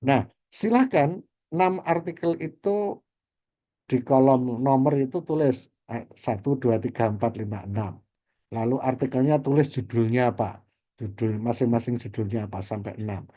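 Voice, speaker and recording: A male lecturer with a mellow, relaxed voice explains concepts to his class over a video call. He repeats key terms and tags his phrases with small checks for understanding. The sound is slightly muffled and dull. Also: medium pitch, moderate pace.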